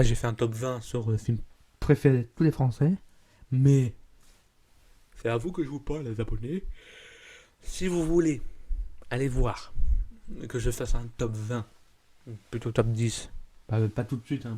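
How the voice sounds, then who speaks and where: A man's voice: mid-range voice, fairly even intonation, normal speed, long pauses, dark tone. A man with a Belgian French accent, chatting casually to his viewers, rambling and often stumbling over words and correcting himself. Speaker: YouTuber. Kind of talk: casual vlog talk.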